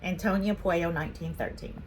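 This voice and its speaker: A woman from Spain hosts a casual haul vlog, chatting away as she unboxes her purchases one by one. Her voice sits a little low for a woman, with a faint hum of room noise behind her. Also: fairly even intonation, a little fast. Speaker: vlog host.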